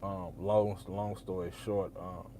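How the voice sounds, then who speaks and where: Low-voiced man telling a story. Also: little pitch movement, slow pace, mellow, a little hiss or hum. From Texas. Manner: rambling, full of fillers and "you know what I'm saying". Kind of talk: casual storytelling.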